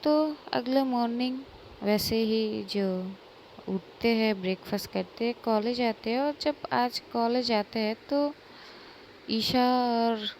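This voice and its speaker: A woman's voice: a little high, takes it slowly, darkish tone, a little hiss or hum, poor audio. A woman narrating a love story in a chatty, casual way, often repeating speech tags.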